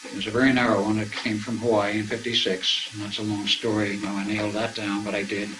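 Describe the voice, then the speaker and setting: Low-voiced older man telling a story. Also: level tone, fast, background noise. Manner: rambling, conversational, acts out quoted dialogue. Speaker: speaker recounting personal experiences. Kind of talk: anecdotal storytelling.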